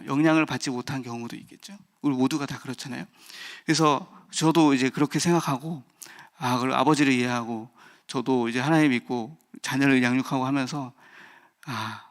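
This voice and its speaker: A man in his thirties, a pastor giving an early-morning sermon, speaking candidly and personally with many fillers and restarts. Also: medium pitch.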